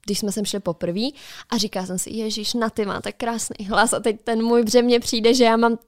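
A woman's voice: fairly high pitch, level tone, no room sound, clean studio sound. A woman co-hosting a casual podcast, talking in a chatty, reflective way and giving advice. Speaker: podcast co-host. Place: studio.

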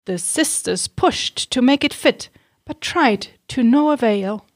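A woman reading a rhyming children's storybook aloud, slowly and clearly, then asking the listener questions. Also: fairly high pitch, expressive, dry recording, studio quality.

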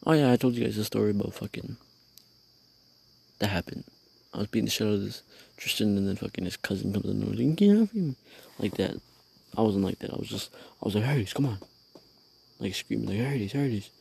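A man's voice: on the low side, level tone, quick pace, gravelly, darkish tone, breathy edge. A man hosting his own show, telling a rambling, profane story in casual slang while sitting outdoors at night. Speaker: podcast host.

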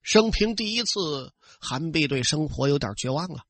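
A man telling a tale in traditional oral storytelling style, lively and conversational, talking straight to his listeners. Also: fairly high pitch, normal speed, no echo.

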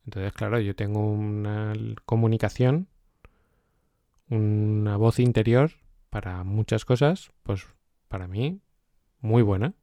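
Animated man, low mellow voice. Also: slow, long pauses, no echo. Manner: animated, storytelling with quoted asides. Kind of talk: casual chat about a self-help book.

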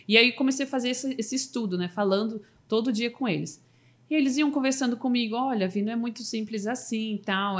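A woman, a motivational speaker, telling a personal story in a casual podcast interview, with emotional restarts. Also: on the high side. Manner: emotional storytelling, restarts and fillers like "sabe assim".

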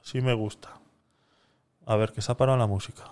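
A man's voice: fairly low pitch, fairly even intonation, a little fast, a little mellow, clear, resonant tone. A man hosting a live-stream podcast, chatting casually with viewers while he talks himself through a giveaway. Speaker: livestream podcast host.

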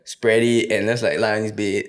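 A man's voice: on the low side, normal speed. A man in his twenties with a Singaporean accent, chatting casually with friends in sweary, colloquial Singlish. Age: 20s. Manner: animated storyteller, often breaking into laughter. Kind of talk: casual chat among friends.

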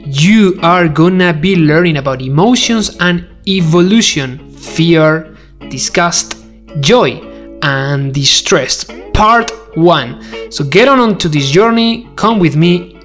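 Speaking with a Spanish accent, a male podcast host from Spain talks through an educational monologue in a conversational way. His fairly high voice is emphatic, and he keeps posing rhetorical questions directly to his audience.

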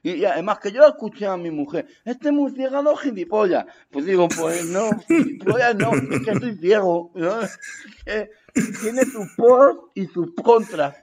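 In a cheeky mood, a male comic guest stays in character as a boastful old vampire who rambles through an improvised sketch. He takes his time, his intonation lively, punctuated by giggles and squeaky outbursts.

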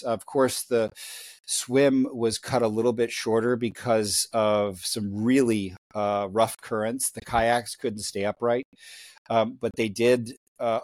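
A man in his fifties talks as a podcast guest, in a rambling, halting way full of restarts. His voice sits at an ordinary middle pitch. The sound is dry and close, with no room around it. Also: darkish tone, no echo. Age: 50s. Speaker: guest athlete. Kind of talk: casual podcast storytelling.

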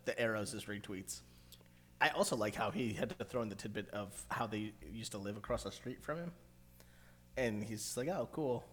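Low-voiced man telling stories casually. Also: a little fast, a bit bright. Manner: storytelling banter, acts out quotes. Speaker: podcast co-host. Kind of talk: casual chat.

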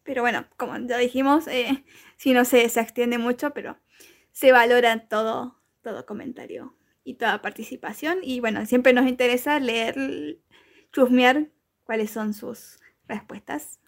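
A woman's voice: fairly high pitch, steady tone, a little slow, gravelly. An Argentine woman co-hosting a podcast in casual chat, giggly and rambling, teasing her co-host. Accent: Argentine Spanish.

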